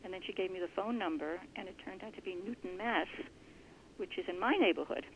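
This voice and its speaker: A woman guest in an interview, explaining her family research earnestly and thoughtfully, with a gravelly voice. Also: mid-range voice, brisk, fairly bright tone, slight background noise. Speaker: genealogist guest. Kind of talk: conversational interview answers. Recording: muffled lo-fi recording.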